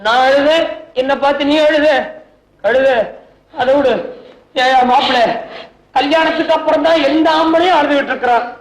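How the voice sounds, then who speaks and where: A high-pitched weepy rich heir. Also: male voice, steady tone, normal speed, pauses often. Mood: whining. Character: weepy, whining young rich heir, male. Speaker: comic lead, a weepy rich young heir called minor. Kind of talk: 1960s film comedy acting. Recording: echoey old film soundtrack.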